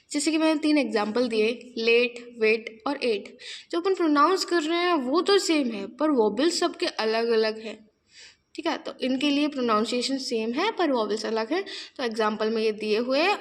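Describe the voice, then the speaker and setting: A woman's voice: high voice, fairly bright tone. A young woman tutor giving a casual exam-prep lesson, explaining step by step and often checking in with her listeners. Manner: explains step by step, mixing English terms, checks with "ठीक है".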